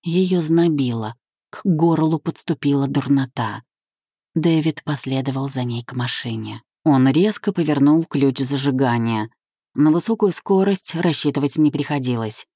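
A woman narrating a literary audiobook in a measured, even reading. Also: rumbling low, breathy edge, no room sound, studio quality.

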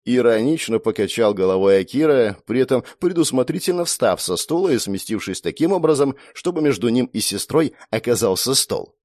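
A man narrating an audiobook, expressive, voicing every character himself. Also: mid-range voice, brisk, few pauses, no room sound, studio quality. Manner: expressive, acts out all the figures. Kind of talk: storybook narration.

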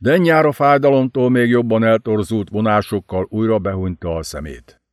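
A man narrating an audiobook in an expressive, dramatic storytelling manner. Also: lowish voice, no room sound, clean studio sound.

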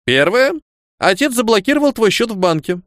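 A man's voice: sits high, sing-song, normal speed, fairly bright tone, dry recording, clean studio sound, voice pushed up. A man voicing a stern old grandmother who scolds her grandson in curt commands. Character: stern old grandmother, a retired chief surgeon.

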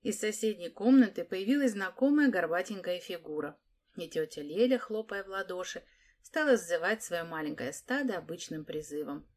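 A woman with a somewhat low voice reads a story aloud in scripted audiobook narration. Her delivery is even and storytelling in manner. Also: moderate pace.

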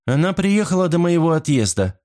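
A man voicing a cold, scheming young woman who speaks in a deliberate, icy way, in a storybook reading. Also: fairly high pitch, very animated, darkish tone, voice pushed up. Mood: icy, calculating.

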